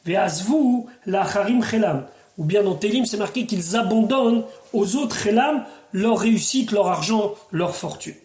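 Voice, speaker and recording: A man's voice: sits high, animated, a little slow, hardly any pauses, darkish tone, echoey room. A man, a rabbi, teaching the weekly Torah portion verse by verse, reading Hebrew phrases and then translating and explaining them.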